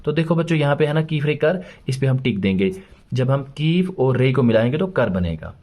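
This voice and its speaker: A man's voice: mid-range voice, big pitch swings, a little mellow. A man teaching a first-grade lesson, spelling words letter by letter and patiently encouraging young pupils. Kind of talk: children's alphabet lesson.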